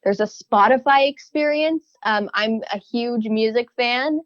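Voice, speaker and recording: A young woman speaks as an interview guest, thoughtful and a bit hesitant, often restarting sentences. Her voice sits higher than most. The sound is dry and close, a little dull and muffled. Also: measured pace, dry recording. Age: young adult. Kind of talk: casual interview talk.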